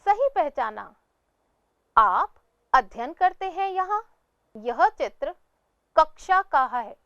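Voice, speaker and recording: A woman with a high voice teaches at a very slow, deliberate pace. She sounds out each syllable on its own, then asks her pupils questions and answers them herself. The recording is dry and close, with no room echo. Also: big pitch swings, dull audio. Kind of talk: slow scripted lesson narration.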